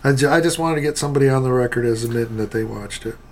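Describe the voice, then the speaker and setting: Man, podcast host, gravelly voice, casual chat, probing questions. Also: medium pitch, very fast, a little hiss or hum. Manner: asks probing follow-up questions.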